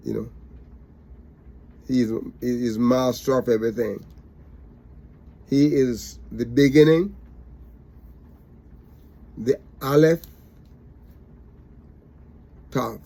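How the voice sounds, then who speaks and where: A man's voice: mid-range voice, gravelly, warm tone. A man teaching a Bible study, repetitive and emphatic, with many fillers.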